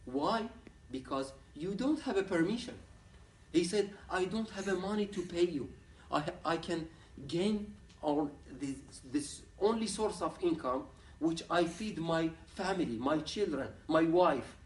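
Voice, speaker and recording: An Arabic-speaking human rights activist from Ahwaz in southwestern Iran lectures at a conference in a university lecture room, his English earnest, plain and halting. His voice is a little high with lively intonation, captured from a distance in an echoey room.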